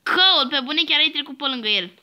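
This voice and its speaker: A woman's voice: high-pitched, lively intonation, bright, forceful tone. A young woman hosting a casual Minecraft let's-play, bossy and teasing toward her friend. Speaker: host.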